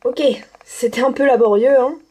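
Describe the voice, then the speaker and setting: A woman's voice: sits high, steady tone, normal speed, mellow. A woman hosting a let's play, chatting casually and poking fun at herself as she plays. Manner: chatty, self-mocking. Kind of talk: casual gameplay commentary.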